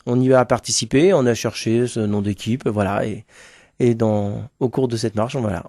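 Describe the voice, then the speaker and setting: Un homme interviewé à la radio, qui parle spontanément en cherchant ses mots et en acquiesçant volontiers. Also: male voice, medium pitch, fairly even intonation, moderate pace, a little mellow, no echo, clean studio sound. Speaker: interview guest, school staff organising a charity walk team. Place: close dry radio microphone.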